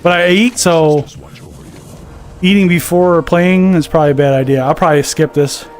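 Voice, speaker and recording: A man's voice: on the high side, fairly even intonation, normal speed. A man chatting casually on a live game stream, out of breath from walking on a VR treadmill and reading viewer comments aloud. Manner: reads viewer comments aloud and chats back. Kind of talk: casual live-stream chat while gaming. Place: home gaming setup on a VR treadmill.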